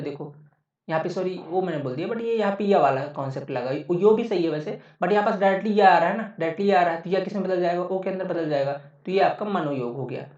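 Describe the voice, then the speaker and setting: A man's voice: high voice, a little mellow. Man teaching, roomy distant lo-fi sound. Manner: repeats each point, asks and answers his own questions. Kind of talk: online exam-prep lecture.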